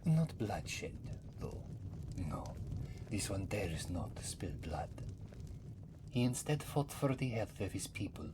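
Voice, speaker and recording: A deep-voiced man gives soft, frequently whispered life to a very old cat-folk ex-priest, wry and courteous, who reflects on himself in the third person in a fantasy roleplay ASMR. The mood is weary and reflective. Music sits in a noisy background.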